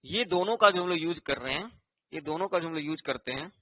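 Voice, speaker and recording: Bright high-voiced man teaching a class. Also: animated. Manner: repetitive, with a constant rhetorical "है ना" and "ठीक है"; explains slowly while writing on a board. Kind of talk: online exam-prep lesson.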